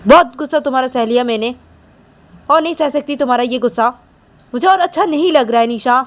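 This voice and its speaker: A woman's voice: fairly quick, close to an everyday voice. A woman voicing an exasperated young woman who keeps complaining, asking the same questions again and again, in an amateur audio story. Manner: exasperated, repeats complaints, high and insistent. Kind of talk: amateur storytelling with voiced dialogue.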